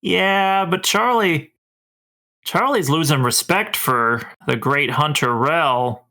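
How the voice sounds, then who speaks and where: A man plays a defiant refugee spellcaster in a tabletop game. The delivery is forceful and bright, boastful and petulant, always needling. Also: a little high, lively intonation, slow, heavily acted. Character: defiant, boastful refugee spellcaster who refers to themself in third person.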